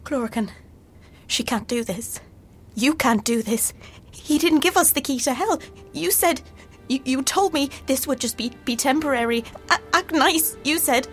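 An actress playing a proud, fragile fairy noblewoman with a breathy voice and a courtly, indignant manner, in an audio drama. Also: high-pitched, moderate pace, natural voice. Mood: indignant, panicked. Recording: music behind the voice.

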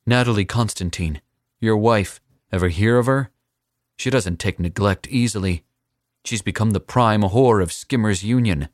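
A man voicing a young captive assassin who is defiant and taunting, in a higher, strained and sneering voice. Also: normal speed, dry recording, studio quality, close to an everyday voice.

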